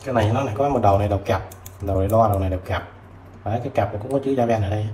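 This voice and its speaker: A man selling used tools who chats casually while showing old multimeters, filling pauses with short words. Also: on the low side, a little mellow. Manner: chatty, fills with "đấy" and "rồi". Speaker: used tool seller. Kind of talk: casual product demo. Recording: roomy with faint background noise.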